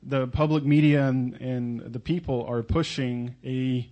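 Male preacher, earnest sermon delivery, mid-pitched voice, pauses between phrases. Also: fairly even intonation, lo-fi sound. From Oklahoma, United States. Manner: earnest, pausing after each phrase, occasional stumbles.

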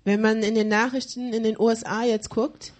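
A woman's voice: a little high, level tone, normal speed. A woman interpreting a sermon live, hesitant, with frequent fillers and restarts as she searches for words.

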